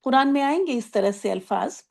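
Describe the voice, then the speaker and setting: A woman teaching an online Arabic grammar class, explaining patiently, asking if everyone follows, and drawing out example words slowly. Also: high-pitched, expressive, creaky, darkish tone. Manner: explains patiently, asks checking questions.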